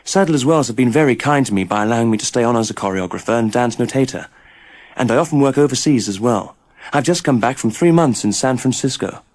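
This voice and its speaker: A man reading the part of a modest, grateful male choreographer in a scripted exam monologue, plain and even. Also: medium pitch, fast, lightly acted.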